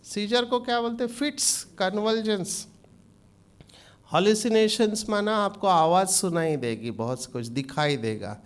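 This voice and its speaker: A man's voice: sits high, unhurried, clean tone. A man who is a doctor giving an informal training lecture, often quizzing his audience with questions.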